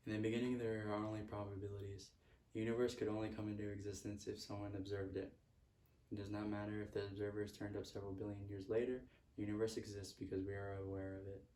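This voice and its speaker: A man's voice: lowish voice, dark tone, far from the mic, slight background noise. A man giving a motivational self-help talk, repeating earnest affirmations. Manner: earnest, repetitive affirmations with stray laughs. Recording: echoey room, speaker off-mic.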